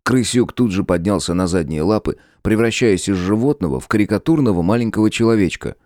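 A man reading a first-person audiobook in a gruff, sardonic storytelling manner. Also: on the low side, lively intonation, a little fast, a little mellow, no echo, studio quality. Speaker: audiobook narrator.

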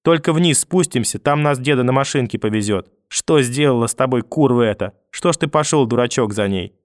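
A man's voice: mid-range voice, brisk, smooth, dry recording, studio quality, close to an everyday voice. A man reading an audiobook and voicing a furious, vicious old grandmother who scolds, curses and threatens. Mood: scolding.

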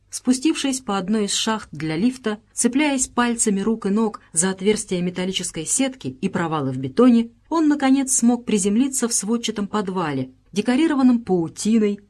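A woman reads an audiobook aloud as its narrator. Her delivery is measured and even, as in a scripted storybook reading. Her voice sits at a middle pitch for a woman.

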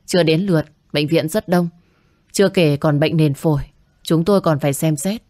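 A woman's voice: low-pitched, normal speed, darkish tone, no echo, natural voice. A woman voicing a curt, dismissive older doctor who speaks brusquely and impatiently, recorded dry and close.

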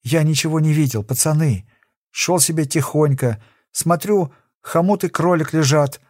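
A man's voice: fairly high pitch, normal speed, a little mellow, no room sound, studio quality, close to an everyday voice. A man voicing a frightened young male convict who begs and whines for mercy in an audiobook. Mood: pleading. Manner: pleading, whining.

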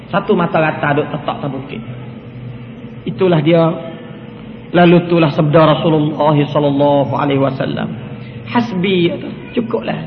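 A high-pitched man delivers a colloquial religious lecture and repeats his phrases for emphasis. His voice rings through a big echoey hall with a long tail of reverb. It comes through thin and phone-like over a faint hiss. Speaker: preacher.

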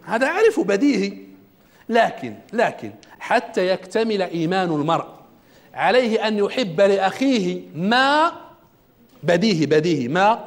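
Male trainer, high voice and brisk delivery, quizzing his class. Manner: asks the audience questions; religious quotations in the talk. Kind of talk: self-development lecture to a class.

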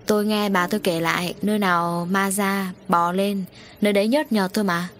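A woman's voice: mid-range voice, steady tone, a little fast, slight background noise, lightly acted. A woman voicing an earnest young dock worker. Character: young male dock worker, calm and reasoning.

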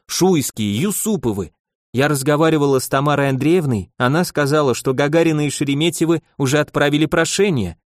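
A man's voice: a little high, fairly quick, no room sound, studio quality, close to an everyday voice. A man voicing a domineering noblewoman who scolds her husband, bossy and insistent. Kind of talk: audiobook character voice.

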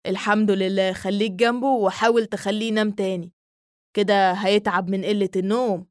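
A woman's voice: mid-range voice, flat delivery, brisk, no echo, studio quality, close to an everyday voice. A woman with an Egyptian accent voicing a blunt young man who scolds his friend on the phone. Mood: calm. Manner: brusque, emphatic.

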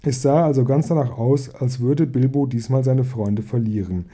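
A man reading a children's fantasy book aloud in a calm, even storytelling voice. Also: mid-range voice, moderate pace. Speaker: audiobook reader.

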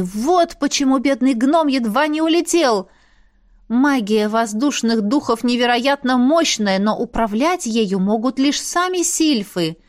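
A woman narrating a fantasy audiobook, reading every character's lines expressively. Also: fairly high pitch. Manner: lively, switches voices for characters.

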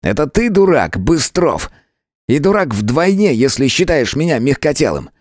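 A man doing a high, heated young detective. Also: very animated, moderate pace, no room sound, clean studio sound. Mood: firm. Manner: shouting high and pleading. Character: young male detective, earnest, idealistic, passionate.

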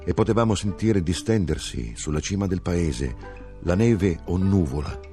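A man reading a literary novel aloud in a slow, reflective manner, dropping low on quiet asides. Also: lively intonation, faint music behind. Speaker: audiobook narrator.

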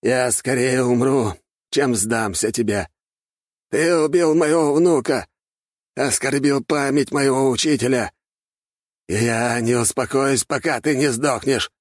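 A man voicing a desperate old male archmage bent on vengeance, shouting in a strained, hoarse voice. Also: medium pitch, drawn-out words, few pauses, dry recording, clean studio sound, pitched above the performer's own voice. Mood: defiant, furious. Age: older.

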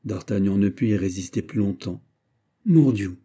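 A man with a French accent narrating a classic novel as an audiobook, measured and literary. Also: fairly low pitch, warm tone, husky. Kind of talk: scripted narration.

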